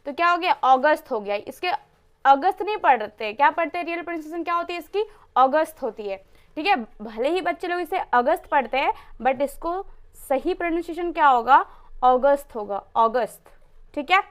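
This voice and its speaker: A woman's voice: high voice, a bit bright. A woman teaching English pronunciation in a classroom style, asking herself questions and answering them, and spelling words out letter by letter. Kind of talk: classroom-style lesson explaining pronunciation rules.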